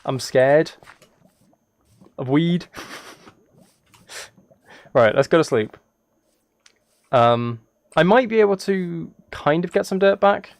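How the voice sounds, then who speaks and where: Slightly high and creaky, this British streamer's voice moves at a slow pace with frequent pauses as he rambles through a casual gaming livestream from the United Kingdom. He's self-deprecating and keeps apologizing, and the audio is clear and resonant with no echo.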